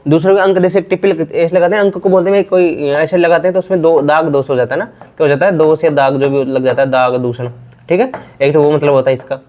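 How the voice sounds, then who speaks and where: A man's voice: fairly high pitch, fairly even intonation, fast talker, darkish tone. A man teaching a grammar lesson for exam preparation, casual and repetitive, keeps asking and answering his own questions. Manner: repetitive, quizzing himself aloud; casual, addresses students as bhai.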